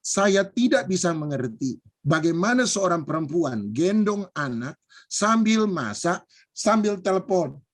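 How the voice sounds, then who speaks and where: Man, pastor, humorous sermon, husky, very expressive pitch, repeats phrases. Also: measured pace. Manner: lively, joking, repeats phrases for emphasis.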